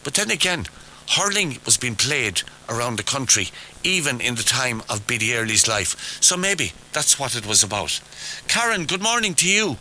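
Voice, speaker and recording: Irish guy hosting a radio call-in show, rambly and chatty, real bright tone, a bit of hiss behind. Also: mid-range voice, sing-song, normal speed. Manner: chatty, rambling, self-correcting. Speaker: radio host. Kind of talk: casual radio phone-in chat. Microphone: studio mic.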